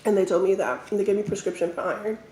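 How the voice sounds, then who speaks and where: A woman telling stories casually as an eating-show host, talking in short phrases with pauses. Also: mid-range voice, mellow, slight background noise. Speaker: mukbang host. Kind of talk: casual storytelling while eating. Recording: roomy, echoey indoor sound.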